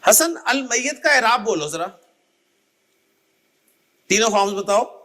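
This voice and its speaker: Guy teaching grammar, high bright voice, checks in with the class a lot. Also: expressive. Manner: explains slowly, asks students by name, drills endings. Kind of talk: classroom lecture.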